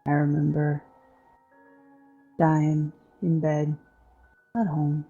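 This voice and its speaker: A woman's voice: deep voice, monotone, very slow, warm tone, breathy edge, lo-fi sound, soft background music, heavily acted. A woman voicing a weary, resigned old male dog who was once human, speaking hesitantly and matter-of-factly in a tabletop game. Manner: hesitant, understated, matter-of-fact.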